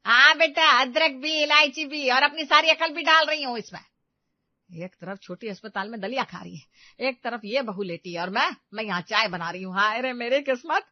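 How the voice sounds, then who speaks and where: A woman's voice: medium pitch, lively intonation, a little fast, no room sound. A woman doing a fussy, scheming old mother. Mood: scolding. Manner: dramatic, complaining sighs. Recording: dull dry lo-fi recording.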